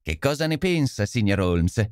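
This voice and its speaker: A man's voice: on the low side, big pitch swings, normal speed, smooth, dry recording, clean studio sound. A man voicing a smug, boastful police inspector who talks down to the famous detective. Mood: smug, condescending. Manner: self-satisfied, condescending.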